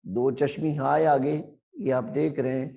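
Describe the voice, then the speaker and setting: A man from Pakistan teaching Quran reading, drawing out words slowly and repeating them, then explaining the rules briskly. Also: medium pitch, fairly even intonation, vocal fry, dark tone. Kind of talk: recitation lesson.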